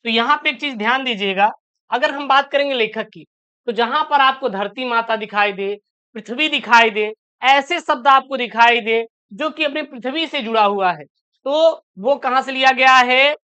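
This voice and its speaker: A man teaching an exam-prep lesson, reassuring his students and repeating key answers slowly, often asking and answering his own questions. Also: extremely high pitch, pushed and bright, clear, resonant tone. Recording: dull lo-fi sound.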